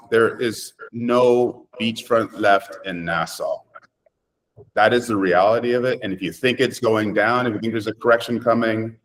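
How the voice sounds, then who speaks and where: A middle-aged Canadian property developer answers interview questions conversationally in a mid-range voice. He's emphatic, favoring short declarative sentences, and the recording is rough.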